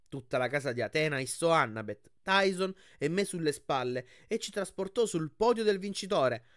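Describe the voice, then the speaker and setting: A man hosting his channel, reading a novel aloud with expressive storytelling and then commenting on the chapter in a chatty, thoughtful way. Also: fairly high pitch, dry recording, studio quality. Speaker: audiobook reader and channel host.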